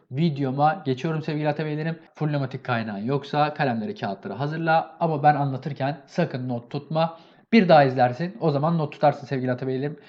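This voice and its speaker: A man with a slightly high voice delivers an energetic online grammar lesson for exam prep. He asks his own questions, answers them, and keeps calling his viewers by an affectionate term. The sound is muffled.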